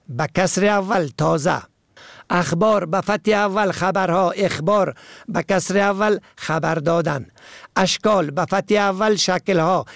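A man giving a scripted language lesson, listing word pairs and their meanings in a measured, methodical way. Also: high voice, gravelly, no echo, studio quality. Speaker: language teacher.

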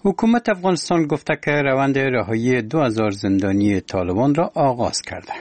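A man with an Afghan accent reading scripted news in a solemn, measured, formal manner as a radio newsreader. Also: medium pitch, animated, darkish tone. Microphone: close studio microphone.

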